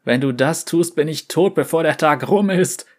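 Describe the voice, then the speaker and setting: A man's voice: medium pitch, a little slow, creaky. A man voicing a frightened male criminal informant who pleads and panics under threat. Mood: pleading. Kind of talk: dramatic story reading.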